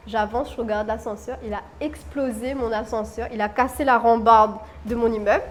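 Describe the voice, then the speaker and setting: A woman from Réunion, a guest, telling a personal story in an expressive, dramatic way. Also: fairly high pitch, a little hiss or hum. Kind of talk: animated storytelling. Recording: roomy room with faint music.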